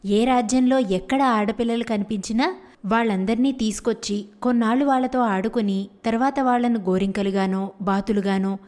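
A woman voicing a kind talking parrot who is really an enchanted girl, speaking gently and soothingly. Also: on the high side, moderate pace, natural voice. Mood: hushed, kindly.

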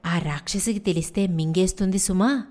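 A woman voicing a kind talking parrot who is really an enchanted girl, speaking gently and soothingly. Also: on the low side, fairly quick, close to an everyday voice. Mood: hushed, kindly.

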